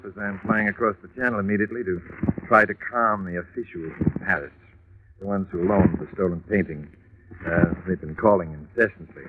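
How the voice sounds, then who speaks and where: An actor playing a formal, earnest art patron who talks in a self-important way, in an old radio drama. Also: male voice, low-pitched, close to an everyday voice. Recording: tinny old radio recording with faint hiss.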